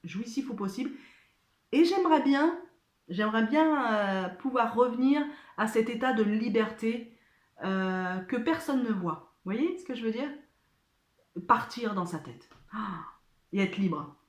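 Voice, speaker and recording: A woman's voice: on the high side, lively intonation, measured pace. A woman chatting casually as she answers viewer questions, hesitant, with many fillers and restarts. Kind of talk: casual chat. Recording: echoey room.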